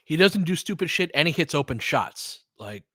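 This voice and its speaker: A man with a fairly high, expressive voice, pushed and bright, speaks at normal speed in clean studio sound with no echo. As a podcast host, he gives casual, informal live basketball play-by-play in clipped phrases and answers chat from listeners as he goes.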